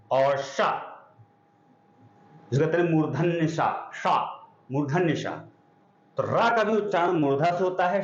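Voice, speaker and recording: A man teaching an exam-prep grammar lesson, patiently spelling out sounds and often asking if it is clear. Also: fairly high pitch. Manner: explains patiently, drawing out sounds and checking understanding. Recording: echoey room, dull lo-fi sound.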